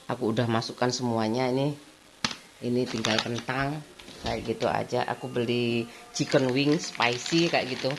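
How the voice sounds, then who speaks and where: A woman's voice: sits low, background noise. A woman, chatting casually in a rambling way to her vlog audience and leaning on the same fillers over and over. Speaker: vlogger. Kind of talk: casual chat.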